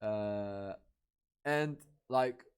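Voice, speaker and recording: A man's voice: lowish voice, drawn-out words, clear, resonant tone. Young male podcaster, rambling profane storyteller. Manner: rambling, profane, excitable, many fillers and restarts. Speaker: podcast host. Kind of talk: casual storytelling.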